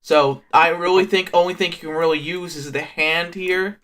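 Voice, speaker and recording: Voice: mid-range voice, steady tone, normal speed, a bit bright. Game master talking through a voice changer. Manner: instructive, asks for dice checks. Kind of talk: running a tabletop game.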